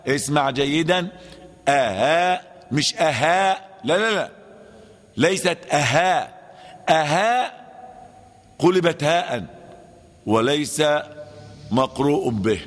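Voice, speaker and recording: Egyptian sheikh teaching in a reverberant hall. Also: male voice, mid-range voice. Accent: Egyptian Arabic. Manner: asks and answers his own questions, repeats key terms. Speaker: sheikh teaching Quran recitation rules. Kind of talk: classroom lesson with chanted recitation examples.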